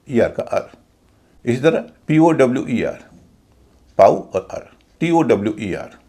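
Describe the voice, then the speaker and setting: Indian man teaching, gravelly and husky. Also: medium pitch, darkish tone. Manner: spells out letters slowly, then says the word. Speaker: English pronunciation teacher. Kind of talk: explanatory video lesson.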